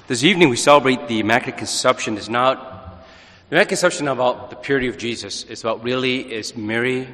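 A priest in an echoing, cathedral-like church. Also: male voice, medium pitch, quick pace, fairly bright tone. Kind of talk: liturgical gospel reading and homily. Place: large reverberant church. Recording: long cathedral-like echo, reverberant hall.

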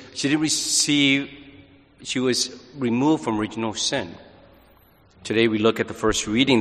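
A man speaks as a priest, reading and preaching with solemn, measured phrasing. His mid-pitched voice rings through a large church with a long, cathedral-like echo trailing his words. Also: fairly bright tone. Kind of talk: liturgical gospel reading and homily.

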